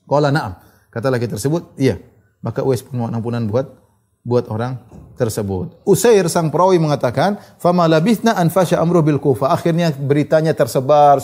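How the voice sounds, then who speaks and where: A man giving a religious lecture, reciting Arabic narrations and retelling them in a lively storytelling way. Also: mid-range voice. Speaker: Islamic preacher.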